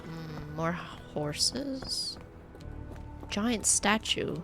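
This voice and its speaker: A woman streamer chatting through a game, reading text aloud with playful asides. Her pitch rises and falls in lively swings while her pace stays unhurried, and game music plays faintly behind. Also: creaky. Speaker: VTuber streamer. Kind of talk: let's play commentary.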